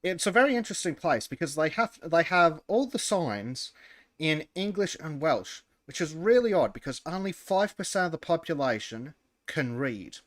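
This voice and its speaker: A man's voice: a little high, big pitch swings, moderate pace, no room sound, studio quality. A man co-hosting a podcast, chatting casually over a remote call, laughing often and swearing freely. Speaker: podcast co-host. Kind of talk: casual chat.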